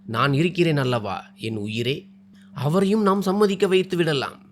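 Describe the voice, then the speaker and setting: A man's voice: on the high side, normal speed, a little hiss or hum, natural voice. A man voicing a charming, possessive young groom. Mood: tender. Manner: teasing, coaxing, turns cold and threatening.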